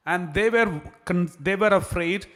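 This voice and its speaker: A male priest with a slightly raised voice preaches in an earnest, measured way, often restarting his words. A cathedral echo hangs around every phrase, with the long reverb of a large church. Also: sits high, fairly bright tone. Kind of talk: gospel reading and homily.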